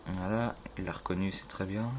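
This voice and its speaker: A man casually talking through a game tutorial, halting with fillers and loose slang, filmed on a phone at a home computer. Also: deep voice, steady tone. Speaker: gaming tutorial maker. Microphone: phone filming a screen. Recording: phone recording with faint room noise.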